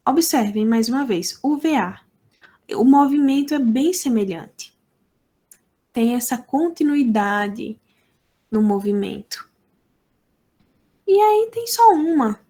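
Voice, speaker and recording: A woman's voice: sits high, animated, warm tone. A woman with a Brazilian Portuguese accent teaching a lesson, explaining step by step and checking often that students follow. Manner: slow, deliberate explaining with frequent checks for understanding. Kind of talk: online lesson explaining sign language phonology.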